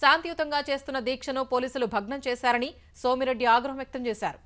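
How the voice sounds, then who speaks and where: A woman news anchor reading the bulletin in a brisk, formal newsreader manner. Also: sits high, fairly bright tone.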